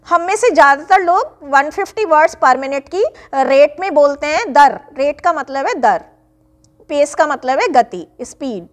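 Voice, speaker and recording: A woman teaching an exam-revision lecture, reading English definitions slowly and then explaining them in Hindi. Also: high voice. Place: classroom-style online lesson.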